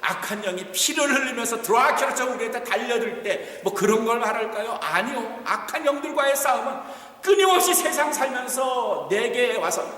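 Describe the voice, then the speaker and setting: Animated high-voiced male pastor preaching. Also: normal speed. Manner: animated, storytelling preacher who acts out scenes. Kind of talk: Sunday sermon. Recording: echoey church hall from far off.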